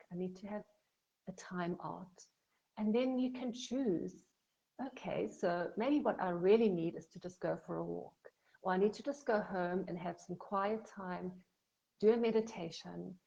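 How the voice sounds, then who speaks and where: A woman speaking as a sobriety coach, talking gently and acting out her clients' inner thoughts in a softer voice. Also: medium pitch, creaky, muffled recording. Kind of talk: coaching talk.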